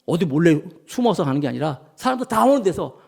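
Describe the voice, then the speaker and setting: A man's voice: a little high, fast, gravelly, husky. A male pastor preaching a sermon, telling the story vividly and speaking straight to his congregation. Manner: animated storytelling, acts out voices and sounds; addresses congregation directly.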